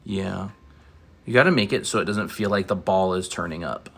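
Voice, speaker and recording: A man's voice: deep voice, normal speed, vocal fry, fairly bright tone. A man co-hosting a livestream art lesson, casually explaining drawing techniques step by step. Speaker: co-host art teacher.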